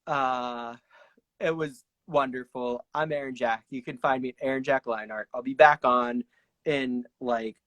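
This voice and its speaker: A man's voice: medium pitch, fairly even intonation, measured pace, a bit bright, dry recording. Upbeat man hosting, dry sound. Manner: upbeat, loose, chatty. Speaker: host. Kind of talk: casual interview show.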